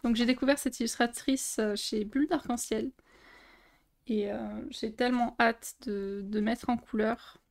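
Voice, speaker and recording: A woman's voice: a little high, fairly even intonation, a little slow, gravelly. A young woman, chatting casually in a vlog as she shows her coloring books, with many fillers and restarts. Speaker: coloring book youtuber. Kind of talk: casual show-and-tell vlog.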